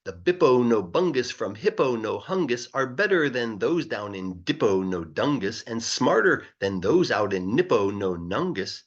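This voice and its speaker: The clip features a male English teacher reading rhyming verse for children in a lively, emphatic, playful manner. His rough, husky mid-pitched voice bounces around in pitch, and the sound quality is a bit dull.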